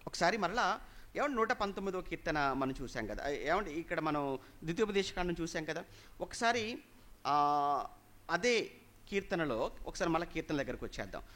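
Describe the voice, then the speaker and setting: A man preaching a sermon, emphatic, repeating phrases and questioning his listeners, swinging between loud and hushed. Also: fairly high pitch, expressive, normal speed. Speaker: pastor.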